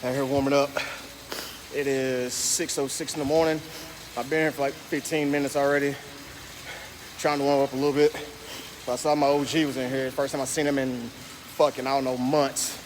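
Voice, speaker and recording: A man's voice: medium pitch, level tone. Country-accented man, slight lisp, slurry, cussing, rambling fitness vlog; long gym reverb, faint hum behind. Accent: Southern US country. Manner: profane, rambling, deliberately slowed. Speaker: fitness vlogger. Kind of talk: casual vlog monologue.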